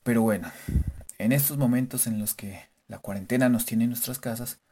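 A man hosts a playful language lesson, slowly and patiently spelling words out letter by letter. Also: medium pitch, a little mellow, slight background noise. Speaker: English teacher and show host.

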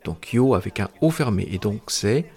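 A man teaching a recorded language lesson, patiently explaining and breaking sounds down slowly. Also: fairly low pitch, animated, a little mellow, slightly rough.

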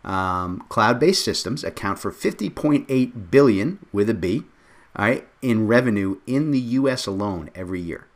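Low-voiced joking male podcast host. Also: moderate pace. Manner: lively, joking, leans on tag questions. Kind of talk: casual podcast discussion.

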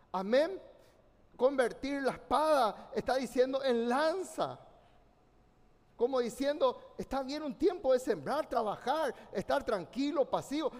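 A man preaching a fervent sermon as a pastor, commanding the congregation to respond. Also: extremely high pitch. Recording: long reverb in a large hall.

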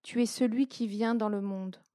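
A woman voicing a grieving, faithful woman in a soft, earnest reading. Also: mid-range voice, fairly even intonation, normal speed, no room sound, studio quality, lightly acted.

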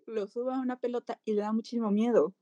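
A woman with a Mexican accent, a physiotherapist telling a lively story in an interview and acting out voices. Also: a little high, fast talker, no room sound, lo-fi sound. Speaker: pediatric physiotherapist.

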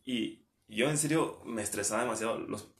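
A young man with a Mexican accent talks through a personal story in casual podcast chat. He slips into the voices of the people he quotes. His voice sits in a mid pitch, and the room adds a noticeable echo. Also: moderate pace. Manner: chatty storytelling, acts out quotes. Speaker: podcast host.

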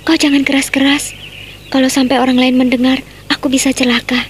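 A woman's voice: high voice, little pitch movement, brisk, close to an everyday voice. An actress playing an anxious, lovesick young village girl who sighs and frets in a radio drama. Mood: anxious longing. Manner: fretful, sighing. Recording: loud hiss on an old radio-drama tape.

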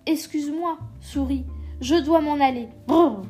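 A woman's voice: high-pitched, measured pace, mellow, faint music behind, voice pushed up. A woman reading a storybook who voices a small, polite, hungry male robin. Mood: hurried.

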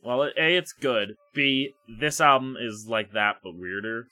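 A man with a bright, forceful tone, talking about metal bands in a relaxed, wry way as a podcast co-host. He leans on "um" and "like" as he thinks aloud. The recording is dry and close. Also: medium pitch, measured pace, dry recording. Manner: relaxed, wry, filler-heavy. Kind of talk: casual music review chat.

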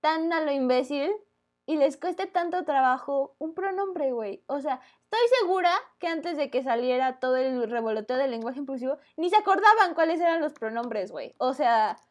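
A woman's voice: sits high, animated, normal speed. A young woman with a Mexican Spanish accent chatting casually on a podcast, opinionated and emphatic, with lots of slang. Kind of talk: casual chat.

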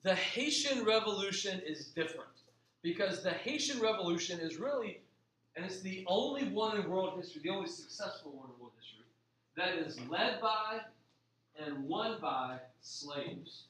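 A man with a high, bright voice gives an informal history lecture. He is picked up from a distance in a heavily reverberant room. He leans on key phrases by repeating them. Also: expressive, normal speed. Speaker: history teacher. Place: echoey room. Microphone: distant microphone. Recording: very echoey, distant mic, faint noise.

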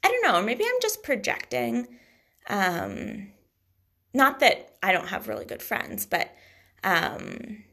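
Gravelly, breathy woman rambling casually. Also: medium pitch, wildly swooping pitch, slow, fairly bright tone. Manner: rambling and hesitant, many fillers. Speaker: podcast host. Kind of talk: casual solo podcast chat.

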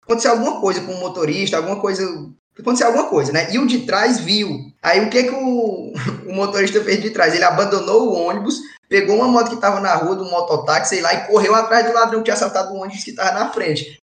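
A man, telling a story in casual chat in a quick, rambling way. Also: high voice, fairly bright tone. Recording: roomy echo.

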